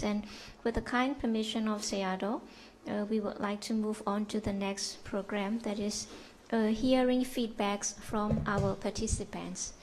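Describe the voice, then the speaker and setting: A woman's voice: medium pitch, a little mellow, slight background noise, rough recording. Courteous woman emcee at a ceremony. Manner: formal, courteous, with fillers. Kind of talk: polite ceremony hosting.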